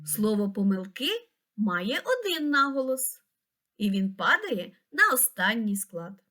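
A woman reading a scripted lesson for young children, pronouncing each word slowly and clearly. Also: fairly high pitch, very animated, sharp tone. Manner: slow, clear, pronouncing words syllable by syllable. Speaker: teacher.

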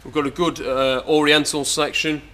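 Fairly high-pitched and sharp, the young man keeps a level tone at a moderate pace. An English auctioneer, he offers a chatty, filler-heavy, hesitant walkaround preview of his sale in a large indoor saleroom, recorded on a camera mic.

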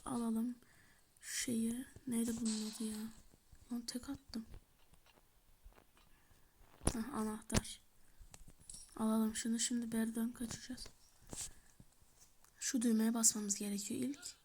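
A woman giving chatty let's-play commentary, talking to her viewers, shouting in bursts and muttering softly as she plays. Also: on the high side, flat delivery, slow pace, long pauses, a little hiss or hum. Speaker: gaming channel host. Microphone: tablet or phone mic.

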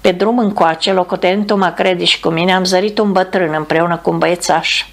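A woman reading the lines of a male bomber captain who gives steady, commanding orders. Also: on the low side. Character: man, a calm bomber captain giving orders.

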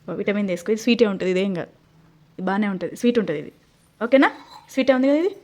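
Fast-talking coaxing Telangana mother. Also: mid-range voice, lively intonation, darkish tone. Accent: Telangana Telugu. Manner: coaxing, repeats words over and over. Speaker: vlogger mother. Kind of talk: casual home vlog. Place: at home.

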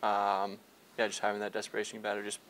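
A young hockey player, fresh off a game, talks at a quick pace to a media scrum in the locker room, several reporters' handheld microphones close by. His voice is lowish, fairly bright and monotone, he restarts often and uses many fillers, and a little hiss or hum runs underneath.

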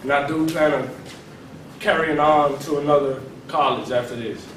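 A man's voice: on the high side, fairly even intonation, normal speed, a bit bright, slight background noise. Young male player, matter-of-fact intro, far camera mic, echoey hall. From Virgin Islands. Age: young adult. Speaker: college basketball player. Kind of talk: short self-introduction to camera. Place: gym hallway, indoors.

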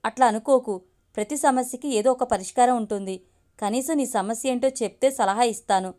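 A woman reading the lines of a kind young woman office worker, in a soft, coaxing way. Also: on the high side, normal speed, natural voice. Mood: gentle.

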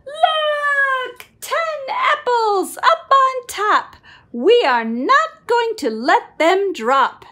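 In a small room at home, a middle-aged woman reads a picture book aloud to young children in an animated style. Her very high-pitched voice covers a very animated range, slow and sing-song, expressive, with whispered asides.

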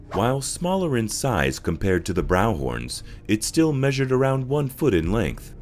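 A man reading scripted documentary narration with a dramatic, measured delivery. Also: fairly low pitch, a little mellow.

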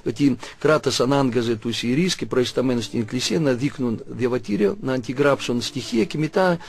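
A man in his sixties with a Russian accent, an Orthodox archimandrite recounting a personal testimony, halting and searching for words with frequent self-corrections. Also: medium pitch, vocal fry, slightly rough. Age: 60s.

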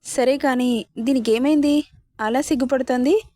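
A woman's voice: high voice, steady tone, normal speed, dark tone, dry recording, clean studio sound, lightly acted. A woman voicing an evasive young husband who brushes off questions in a told story. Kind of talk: storybook narration.

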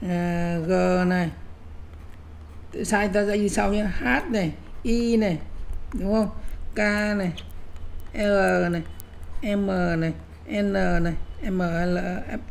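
A woman's voice: medium pitch, steady tone, slow pace, creaky, pauses often, a little mellow, a little hiss or hum. Emphatic woman lecturing teachers. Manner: emphatic, repeats words, frequent "nhé" asides.

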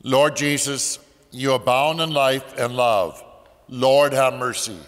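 A priest leading the prayers of Mass at a pulpit microphone, reciting in a measured, solemn way. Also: male voice, mid-range voice, steady tone. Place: large church. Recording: long church reverb.

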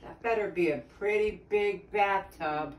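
A middle-aged woman reads a children's story aloud with expression, adding chatty asides that address and prompt her young listeners. Her voice is medium-pitched and a little slow. A phone camera a few metres away records her in a small tiled sitting room at home, so the sound is roomy and distant, with background noise.

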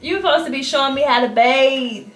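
A woman's voice: high-pitched, a little fast, faint music behind. A young woman vlogging in casual chat, joking with a playful slangy manner and laughing often. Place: car, then home.

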